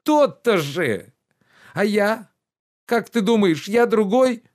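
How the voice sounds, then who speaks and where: Indignant idle nobleman in an audiobook, high and shrill, loud lecturing, as a male reader puts him on. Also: lively intonation, slow pace. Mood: shrill outrage. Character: pampered idle middle-aged gentleman, indignant.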